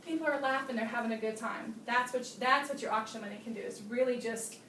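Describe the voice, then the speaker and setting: A woman runs a bubbly, chatty Tupperware party training demo for a small group of guests in a room, laughing often. Her voice is fairly high, fast and fairly bright. The distant mic gives a roomy sound with a little hiss or hum.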